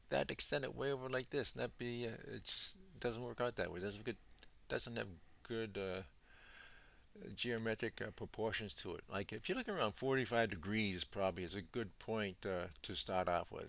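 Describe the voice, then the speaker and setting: Gravelly low-voiced man explaining charts. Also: fairly bright tone. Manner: unhurried, thinking aloud with frequent fillers. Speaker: trading instructor. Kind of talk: screen-share chart walkthrough.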